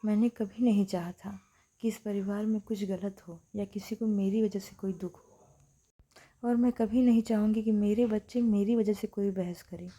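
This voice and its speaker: A woman voicing an elderly mother, speaking softly and slowly, hurt and tearful. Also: medium pitch, fairly even intonation, lightly acted. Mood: sorrowful. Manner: soft, slow, tearful and hushed.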